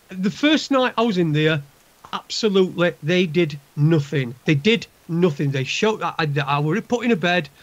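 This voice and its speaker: Gruff Northern English man on lo-fi call. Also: high-pitched, expressive, unhurried, pauses often. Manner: heavy swearing, blunt, aggrieved. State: unwell, recovering from a hospital procedure. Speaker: guest calling in. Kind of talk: casual chat, venting. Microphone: internet voice call. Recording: dull lo-fi internet call.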